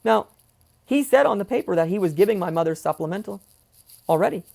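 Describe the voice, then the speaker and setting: In a personal vlog, a young man vents angrily, swearing and wandering off on tangents. His voice is high and darkish, with lively intonation, a brisk pace, and vocal fry.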